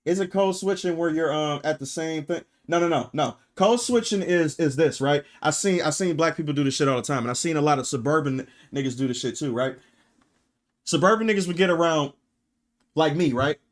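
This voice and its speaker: A man ranting on a live stream, his voice sitting a little higher than most men's. He talks bluntly to his chat, swears freely, and keeps checking in with a rhetorical "right?" as he drives each point home. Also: a little fast. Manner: blunt, emphatic, profane, rhetorical "right?" tags. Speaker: streamer reacting and reading chat. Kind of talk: casual livestream rant.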